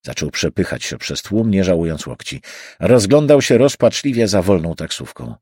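A man's voice: low-pitched, very animated, normal speed, darkish tone, breathy edge, no echo, clean studio sound. A man narrating an audiobook in a dramatic, varied reading. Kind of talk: scripted narration.

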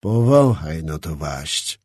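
A man reading an audiobook, voicing a calm young male officer who speaks coldly and mockingly. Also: mid-range voice, takes it slowly, no echo, studio quality, close to an everyday voice. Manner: cold, calm.

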